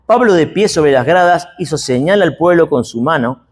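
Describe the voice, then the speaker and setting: A man's voice: a little high, animated, normal speed. A man with an Argentine Spanish accent preaching an expository sermon in a church, chatty and asking his listeners rhetorical questions. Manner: conversational, asks the congregation rhetorical questions.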